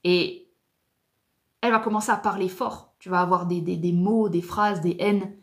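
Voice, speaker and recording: A woman giving a live talk on psychotherapy, slow and repetitive, sometimes dropping to a near whisper. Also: lowish voice, fairly even intonation. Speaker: psychotherapy speaker.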